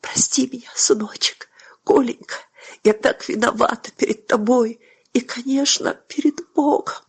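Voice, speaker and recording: A remorseful mother prays in a hushed, breathy voice close to a whisper, as a woman reading the story gives her lines. She sounds low, intimate and contrite, in a storybook reading. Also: moderate pace. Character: troubled mother, remorseful and tearful.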